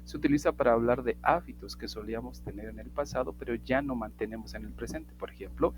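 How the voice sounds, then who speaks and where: A man's voice: medium pitch, fast talker, noisy background. A man giving a casual spoken English lesson, wandering into asides and restarting his sentences. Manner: talks around the point, restarts and asides. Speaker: English teacher.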